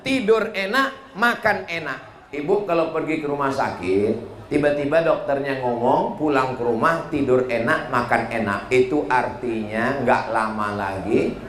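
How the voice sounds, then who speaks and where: A man's voice: sits high, a bit bright. A male preacher giving a humorous religious lecture, telling stories and acting out dialogue with playful jumps in voice. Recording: echoey hall, faint noise.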